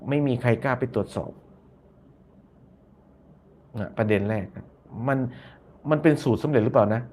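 A man hosting a casual live stream, talking at a mid-range pitch. He reads out viewer comments and mulls them over aloud. He circles back on his own phrases and softens his lines with polite particles. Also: fast, slight background noise. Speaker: YouTube channel host.

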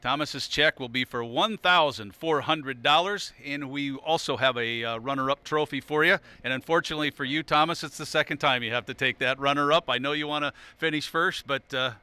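Bright, clear-voiced male TV host. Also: on the high side, no echo. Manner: upbeat, quick to laugh. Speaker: TV sports host. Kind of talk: post-tournament interviews and trophy presentation.

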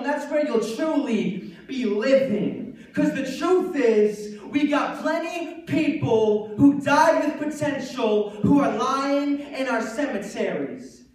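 A young man delivers a rhyming spoken word poem with rhythmic, urgent emphasis, his voice sitting fairly high. He stands at a mic on a large theater stage. The sound is picked up from far back, with a boomy hall echo around him. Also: lively intonation, slow pace, darkish tone. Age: young adult. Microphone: stand mic, filmed from far back.

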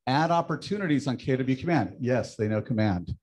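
A man's voice: mid-range voice, lively intonation, fairly quick, a little mellow. A man with an ordinary mid-range voice presents a new program at a team meeting. He talks candidly and matter-of-factly, walking the room through how it works.

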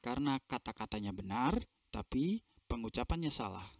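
A man interprets a seminar phrase by phrase over a video call, in a dry, close sound. He fills pauses and corrects himself mid-phrase as he translates. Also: medium pitch, lively intonation, no room sound. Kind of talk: consecutive interpretation.

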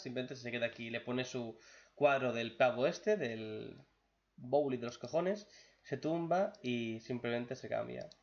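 A young man from Spain with a Spanish accent, giving casual reaction commentary, excitable and swearing freely. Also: mid-range voice, muffled recording. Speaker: reaction youtuber.

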